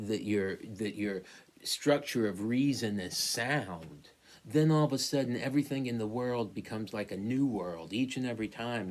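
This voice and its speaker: Low-voiced man giving a casual literature lecture. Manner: conversational, storytelling with acted-out quotes. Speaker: English lecturer.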